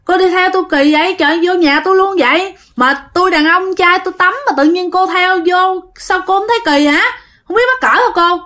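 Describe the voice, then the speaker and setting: Woman voicing a frantic father yelling, Southern Vietnamese. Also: very high voice, pitched above the performer's own voice. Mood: startled. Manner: yelling, rapid, exasperated. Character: frightened drunk father yelling at a ghost.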